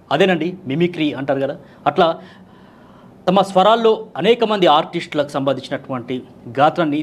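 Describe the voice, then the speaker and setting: A male news anchor hosts a studio interview. He talks fast in a fairly high voice and keeps the guest going with brisk, prompting questions. Faint ambient noise lies underneath.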